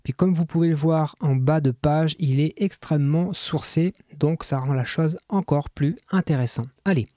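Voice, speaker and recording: A man's voice: fairly high pitch, moderate pace, hardly any pauses, warm tone, dry recording, clean studio sound. Chatty man running a tech news roundup. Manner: chatty, hesitant with frequent fillers. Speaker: tech YouTuber presenting weekly news. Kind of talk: casual weekly news roundup.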